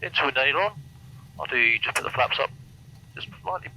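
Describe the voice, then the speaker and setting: British man, calm flight instructor over noisy intercom. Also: mid-range voice, a little fast. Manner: calm, encouraging step-by-step instructions. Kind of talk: cockpit instruction and casual chat. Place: small aeroplane cockpit in flight and taxiing. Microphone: aviation headset. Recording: noisy cockpit intercom with engine hum.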